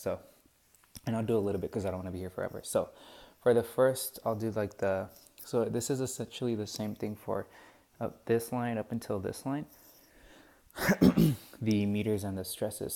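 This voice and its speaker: A dark-toned, lowish male voice belongs to a young man presenting a poem's scansion to his class. He falters throughout, doubting himself, restarting often and leaning on fillers.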